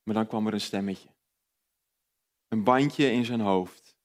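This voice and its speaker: Man, preacher, sermon, conversational, direct questions to listeners, swells on emphasis, soft on reflection. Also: slow. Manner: rises in pitch and volume on emphatic points, drops soft on reflective ones.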